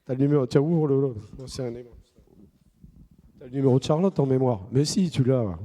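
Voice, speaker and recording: In a church hall, a man delivers a playful children's sermon, chatting with the kids and pretending to take a phone call. His voice is mid-range and dark, fairly quick, and the hall reverberates around him.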